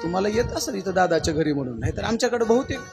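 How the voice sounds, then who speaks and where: A man's voice: high voice, sing-song, racing. A man preaching a devotional sermon, telling the story in rhythmic lists and coaxing the crowd with questions. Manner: folksy, coaxing the audience to answer. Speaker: kirtan preacher. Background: music.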